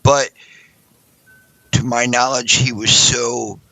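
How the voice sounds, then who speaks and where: A man's voice: mid-range voice, level tone, slow pace, creaky, pushed and bright, dry recording. A man co-hosting a casual podcast, talking in long rambling sentences full of hedges. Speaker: podcast co-host.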